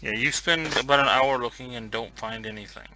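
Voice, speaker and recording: A man's voice: medium pitch, a little fast, crowd noise, poor audio. A man narrating as game master in a tabletop game, easygoing and hesitant, often saying "kind of".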